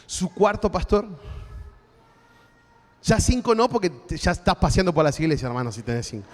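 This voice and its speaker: A male pastor with an Argentine accent preaches in an easy, conversational way and keeps checking in with his listeners. His voice sits high for a man. The sound carries a long reverb from a church hall. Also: big pitch swings, moderate pace. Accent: Argentine Spanish. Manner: conversational preaching with frequent tag questions. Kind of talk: sermon.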